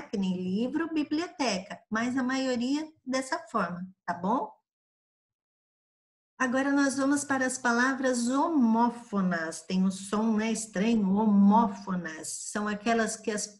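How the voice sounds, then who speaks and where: Woman, from Brazil, schoolteacher, patient review lesson, slow delivery, slightly high voice. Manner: patient, spells out examples slowly for children. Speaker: teacher.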